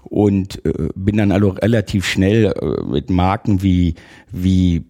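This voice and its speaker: A man in his fifties, from Germany, telling his life story as an interview guest, relaxed and with frequent hesitations. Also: sits low, takes it slowly. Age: 50s. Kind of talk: conversational interview.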